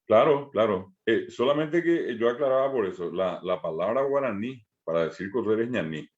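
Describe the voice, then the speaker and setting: A low-pitched man with a Paraguayan Spanish accent leads an online language class over a muffled, lo-fi video call. He explains step by step, repeating example words slowly and pausing on frequent "eh" hesitations. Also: lively intonation. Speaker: language teacher.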